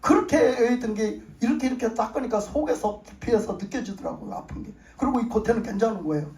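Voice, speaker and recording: A woman's voice: fairly high pitch, fast. Woman pastor telling a testimony in a roomy hall. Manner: animated storytelling, acting out her own prayers. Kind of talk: testimony sermon. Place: church sanctuary. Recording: roomy church hall, voice from a distance.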